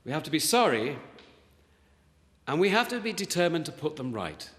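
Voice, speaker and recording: An actor playing an earnest, mild-mannered village vicar with a gentle, measured, polite manner in a naturalistic TV drama. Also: male voice, on the high side, sing-song. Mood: earnest, solemn. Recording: reverberant, echoey hall.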